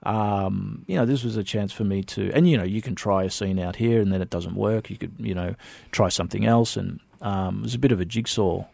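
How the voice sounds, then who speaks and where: A man's voice: lowish voice, a little fast, creaky, hardly any pauses, a little mellow, dry recording. An Australian man, a documentary filmmaker, chatting enthusiastically in a radio interview, with lots of fillers and restarts.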